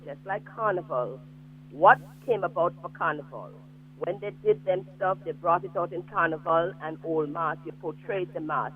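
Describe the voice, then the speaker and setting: Insistent male radio caller heard through a tinny phone line, slightly raised pitch. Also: slightly rough. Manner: emphatic and insistent. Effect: speaking over a phone line. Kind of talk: call-in opinion.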